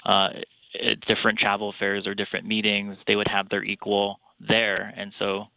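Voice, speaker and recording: A man calling in over a landline phone from his office, explaining things in a halting way with many pauses as a tourism bureau staffer. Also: lowish voice, completely flat delivery, creaky, no echo. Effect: heard over a landline phone. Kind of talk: casual chat. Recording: dull, dry landline phone line.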